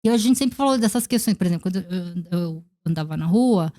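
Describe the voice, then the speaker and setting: A woman's voice: on the low side, animated, fairly quick, dark tone. A woman with a Brazilian Portuguese accent, a podcast guest in her thirties, reflecting in casual conversation and acting out the people in her stories. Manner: reflective storytelling, acting out quoted dialogue.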